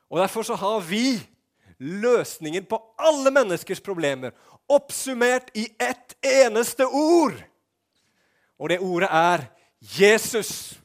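A man preaching a sermon with fervor, often shouting and then dropping to a hush. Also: high-pitched, very animated. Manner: fervent, often shouting, with swings between loud and hushed.

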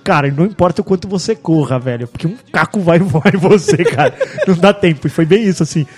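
A man's voice: a little high, animated, fast, breathy edge, soft background music. A man hosting a casual podcast chat, telling stories in slang with sound effects. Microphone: studio microphone with headphones.

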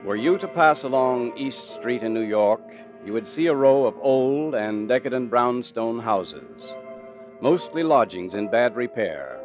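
A man's voice: medium pitch, expressive, a little slow. A man narrating a 1940s radio mystery in the formal, dramatic delivery of an old radio announcer. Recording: vintage 1940s radio recording with music. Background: music.

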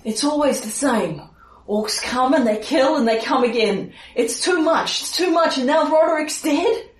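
A woman voicing an angry, frantic townsman who rants and shouts accusations. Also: expressive, normal speed. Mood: furious, accusing. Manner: shouting accusations, shrill and ranting. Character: angry, frantic middle-aged townsman blaming others. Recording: echoey room, mic far off.

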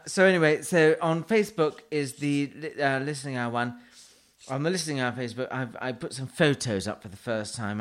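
A man's voice: mid-range voice, sharp tone. A man hosting a radio show, rambling, scatterbrained and poking fun at himself. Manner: scatterbrained, rambling, self-mocking. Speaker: radio host. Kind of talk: rambling comedic radio chat.

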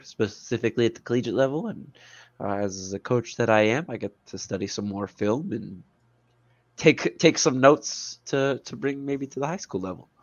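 A man's voice: fairly low pitch, dry recording, dull audio. A man with a congested, stuffy nose from allergies, chatting casually about sports as a podcast co-host. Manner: stuffy-nosed, nasal. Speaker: podcast co-host, soccer coach.

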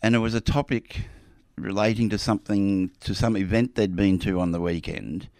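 A man's voice: on the low side, steady tone, normal speed, darkish tone, no echo. A man co-hosting a radio chat show, telling a story in a wry, dry way. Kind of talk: casual studio chat. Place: radio studio.

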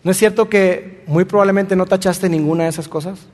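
A man's voice: sits high, steady tone, a little fast, darkish tone, long reverb tail. A man preaching a sermon, speaking earnestly and addressing the listener directly with rhetorical questions. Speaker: pastor.

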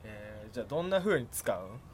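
Young man, Kansai accent, casual chat, playful, lively swinging pitch. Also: quick pace, slight background noise. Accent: Kansai Japanese. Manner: laughs often, playful. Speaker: conversation partner.

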